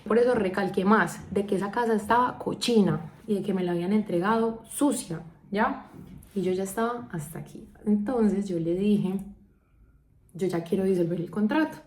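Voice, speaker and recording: A woman with a Colombian accent telling a personal story in a casual vlog, animated and acting out the dialogue she quotes. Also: medium pitch, moderate pace, echoey room. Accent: Colombian Spanish.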